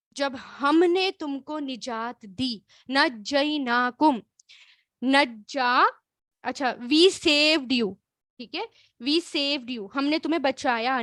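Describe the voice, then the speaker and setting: High-voiced woman teaching a Quran lesson. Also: a bit bright, no room sound, clean studio sound. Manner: explains patiently with rhetorical questions and tag questions. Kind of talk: classroom-style Quran word analysis lesson.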